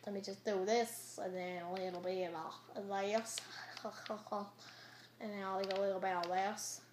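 A young woman giving casual gameplay commentary, excitable and taunting, laughing and yelling often. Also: medium pitch, measured pace. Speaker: gamer. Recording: echoey room with faint noise.

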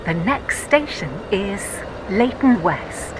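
A woman giving scripted train station announcements to passengers in a measured, formal, segmented way. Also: lively intonation. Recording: loud train noise over announcement. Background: rumbling train ride ambience.

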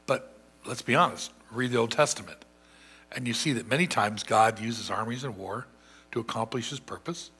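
Older pastor guy giving a sermon at the lectern, bright kinda husky voice, chatty, restarts a lot. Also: mid-range voice, moderate pace. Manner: thoughtful, conversational with frequent restarts. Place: large church sanctuary.

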